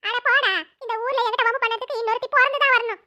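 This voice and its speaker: A woman voicing a boastful, sharp-tongued old village mother in a cartoon, talking brashly. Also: extremely high pitch, fairly even intonation, quick pace. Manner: brash, combative.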